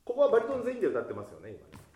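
A man leading a choir rehearsal, giving instructions in an animated way and breaking into sung demonstrations. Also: sits high, racing, reverberant. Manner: animated, sings demonstrations mid-sentence. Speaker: choir conductor.

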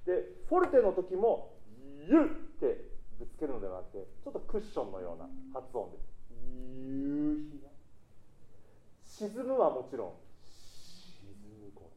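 A man's voice: a little high, wildly swooping pitch, normal speed, dark tone, reverberant. A man coaching a choir in rehearsal, encouraging the singers and singing short phrases to show how they should sound. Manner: encouraging, sings phrases to demonstrate. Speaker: choir conductor.

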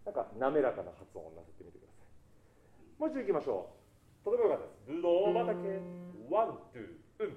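A man's voice: mid-range voice, huge pitch swings, fast, long pauses, roomy sound, narrow, tinny audio, faint music behind. A man coaching a choir in rehearsal, encouraging the singers and singing short phrases to show how they should sound. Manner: encouraging, sings phrases to demonstrate. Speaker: choir conductor.

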